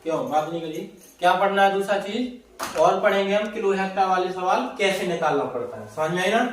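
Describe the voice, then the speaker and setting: A man's voice: high-pitched, expressive, a little fast, slight background noise. A man teaching a class, who keeps asking his students questions and answering them himself. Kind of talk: classroom lesson. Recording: echoey room, from far off.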